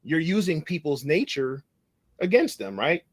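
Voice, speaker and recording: A man guest on a podcast, telling a long anecdote in a loose, animated way and acting out the dialogue as he goes. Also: a little high, measured pace. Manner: animated, acts out dialogue in his stories; loose phrasing with frequent restarts. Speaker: podcast guest, cybersecurity consultant. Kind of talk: conversational storytelling.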